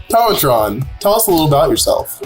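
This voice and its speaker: A man's voice: fairly high pitch, wildly swooping pitch, normal speed, faint music behind, low-quality recording. A man co-hosting a comedy podcast in casual improvised banter.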